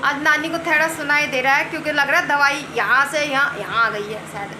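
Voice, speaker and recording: A woman chats through a comedy vlog in a high voice, teasing and breaking into laughter. She is recorded outdoors with clear background noise around her. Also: steady tone, a little fast. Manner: teasing, often laughing while talking. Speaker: vlogger. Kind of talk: casual comedy vlog narration. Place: outdoors, dusty and sunny. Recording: noisy background.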